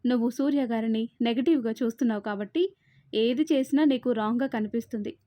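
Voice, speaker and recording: Storybook figure: a level-headed young woman who firmly sets her friend straight, voiced by a woman reading aloud. The voice is mellow and fairly high, and the sound is dry and close. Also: a little fast, dry recording, natural voice. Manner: firm, explaining.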